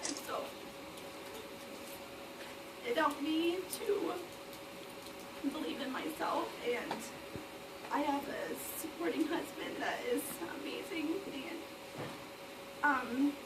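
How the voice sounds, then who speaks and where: Earnest high-voiced woman from Colorado. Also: slow, pauses often. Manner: earnest, hesitant, many "um"s. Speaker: speaker sharing her story on stage. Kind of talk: personal testimonial to an audience. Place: indoor meeting room with an audience. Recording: echoey room, distant mic, noisy.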